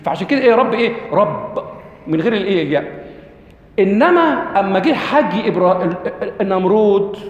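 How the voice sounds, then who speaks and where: Egyptian male lecturer, high voice, booming echoey hall, quizzes the room and answers himself. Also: lively intonation, fast, muffled recording. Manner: asks the group questions and answers them himself. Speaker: lecturer on Quranic rhetoric. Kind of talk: religious lesson to a live group. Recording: echoey hall with long reverb.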